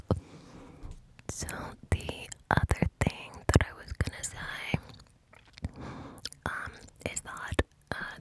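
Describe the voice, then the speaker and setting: A woman whispering a rambling, hesitant ASMR monologue in a breathy cupped-hand whisper, very close to studio microphones. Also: low-quality recording. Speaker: ASMR video host. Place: home studio room. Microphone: studio condenser mics with foam cover, very close.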